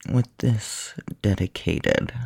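A woman whispering slowly and teasingly into a close microphone, giving commands in an intimate roleplay. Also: rumbling low, vocal fry, a little mellow, slightly rough. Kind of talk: whispered erotic ASMR roleplay.

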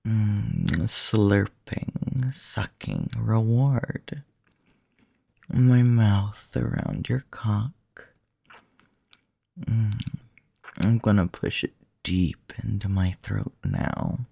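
A woman whispering slowly and teasingly into a close microphone, giving commands in an intimate roleplay. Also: rumbling low, animated, gravelly, warm tone, breathy edge, no echo. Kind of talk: whispered erotic ASMR roleplay.

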